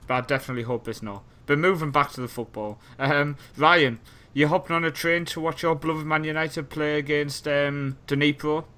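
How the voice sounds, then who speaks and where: A man's voice: on the high side, steady tone, normal speed, few pauses, bright, forceful tone. A young man from Europe co-hosting a casual podcast chat, joking and rambling, laughing often. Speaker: podcast co-host.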